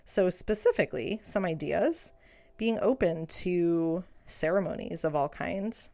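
Reflecting on her beliefs in a solo podcast, a middle-aged midwife speaks earnestly and without rushing, using soft fillers. Her voice is on the low side yet animated.

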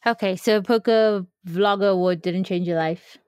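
A woman's voice: mid-range voice, fairly even intonation, moderate pace, a little mellow, smooth, dry recording, studio quality. A young woman with a South African accent co-hosting a podcast, chatting casually with plenty of fillers and laughter. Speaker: podcast co-host.

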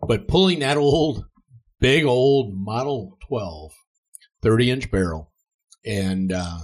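A man's voice: mid-range voice, lively intonation, takes it slowly, low-quality recording. An older man, a guest on a hunting trip, talking in a casual, dry, teasing and reflective way. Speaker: guest hunter. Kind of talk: casual chat.

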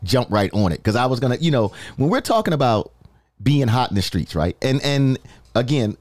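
Animated questioning man host. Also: mid-range voice, fairly quick, no room sound. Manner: animated, questioning, restarts often. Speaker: podcast host. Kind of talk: casual podcast chat.

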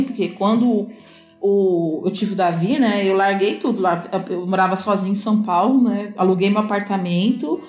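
Casting: a woman podcast guest, mid-pitched earnest storyteller, roomy echo, faint music underneath. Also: a little mellow. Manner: earnest, recounting a story with many restarts. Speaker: podcast participant. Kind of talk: casual chat.

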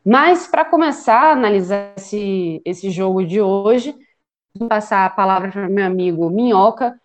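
Female sports podcast host, conversational and slightly halting. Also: medium pitch. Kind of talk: conversational sports match recap.

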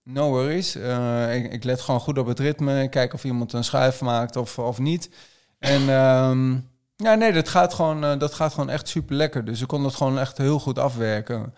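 A man's voice: mid-range voice, normal speed, darkish tone. A man casually recounting his experiences as a trail runner, acting out his own thoughts as he tells it. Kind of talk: casual conversational storytelling.

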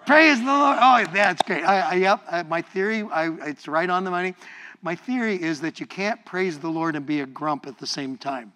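A middle-aged male pastor preaching a sermon, playful and lively, often repeating words and leading the congregation in call-and-response praise. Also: a little high, moderate pace.

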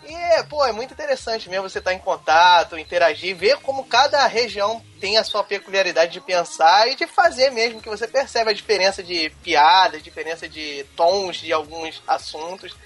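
A man's voice: sits high, animated, moderate pace, few pauses, a bit bright, soft background music. A man with a honking, duck-like voice and a carioca Brazilian accent, chatting casually as a podcaster. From Rio de Janeiro, Brazil. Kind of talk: casual group chat.

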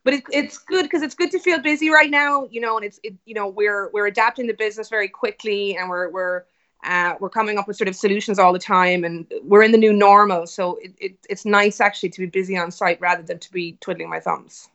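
A woman's voice: medium pitch, fairly even intonation, brisk, a bit bright. A woman speaking casually and informally as an interview guest over a web call, explaining at length. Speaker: interview guest, whiskey business founder. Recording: dull web-call audio.

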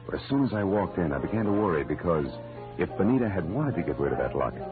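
An American man, the lead actor and narrator, plays a tough, wisecracking private detective in a 1940s-50s radio drama, his low-pitched voice quick with lively intonation. His wry, tense narration is clipped, hard-boiled and sardonic, on a muffled old recording with music.

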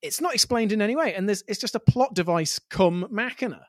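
High-voiced opinionated man on a podcast. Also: lively intonation, brisk, no echo, studio quality. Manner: opinionated, analytical, stammers comically when mimicking. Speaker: podcast co-host. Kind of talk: casual chat.

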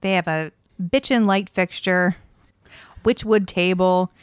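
A chatty woman co-hosting a book podcast, recapping the story in casual slang and laughing easily. Her voice sits a little low for a woman. The recording is close and dry, with no room echo. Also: slow pace, clean tone. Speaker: podcast co-host.

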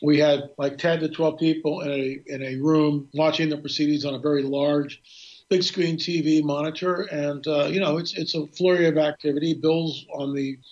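A man's voice: on the high side, lo-fi sound. Rambling man telling a story on radio. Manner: rambling, restarts often, clears throat. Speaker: guest filmmaker.

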